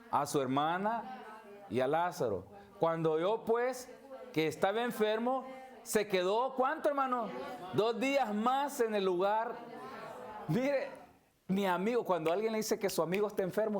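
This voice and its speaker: A man preaching a sermon and leading prayer, questioning his congregation directly and swinging between emphatic and soft. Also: on the high side. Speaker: pastor. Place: church.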